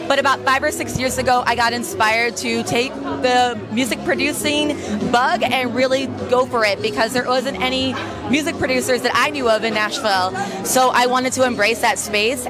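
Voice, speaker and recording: A woman in her thirties from Detroit giving upbeat interview answers into a handheld mic. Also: fairly high pitch. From Detroit, United States. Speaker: music producer and singer-songwriter. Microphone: handheld mic held by interviewer. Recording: music playing behind.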